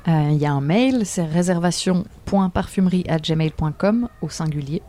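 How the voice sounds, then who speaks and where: A woman talks as a guest in a casual radio interview. Her voice sits fairly low and sounds dark and mellow. She hesitates a lot, filling pauses with small sounds and chuckling now and then. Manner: hesitant, many fillers, laughs often. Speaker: theatre director, guest.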